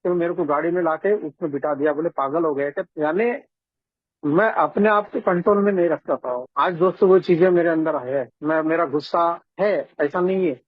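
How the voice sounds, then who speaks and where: A man's voice: on the high side, moderate pace, dry recording. A man sharing his recovery story at a support meeting, talking earnestly and conversationally and often calling the listeners friends. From India. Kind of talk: personal recovery testimony. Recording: tinny phone-line audio.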